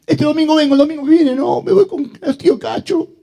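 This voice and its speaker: A man voicing a lazy male churchgoer who whines and pleads in a high voice. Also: fast, warm tone. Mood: whining. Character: whiny lazy male churchgoer making excuses.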